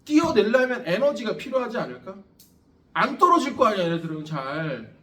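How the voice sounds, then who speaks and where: Brisk, pushed and bright, this high-pitched man swings widely in pitch as he lectures a cram-school science class. He jokes, swears bluntly and peppers his students with questions, recorded from a distance in an echoey room.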